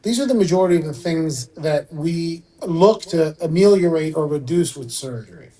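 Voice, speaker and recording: Iranian-born man explaining, a bit high-pitched. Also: moderate pace, low-quality recording. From Iran. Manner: relaxed, explanatory, occasional fillers. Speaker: spine surgeon guest. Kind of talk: radio interview.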